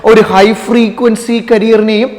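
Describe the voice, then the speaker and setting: A man's voice: sits high, level tone, a little slow, a little mellow. A man teaching physics to students, asking questions and answering them himself, checking again and again that they understood and calling them children. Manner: addresses listeners affectionately as children. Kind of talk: classroom-style lecture to students. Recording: long reverberant room echo.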